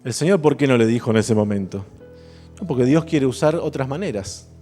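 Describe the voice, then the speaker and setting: A man's voice: mid-range voice, a little fast, mellow. A man preaching a sermon at an evangelical church service, emphatic and building to impassioned exhortation. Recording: long church reverb, faint instrument music.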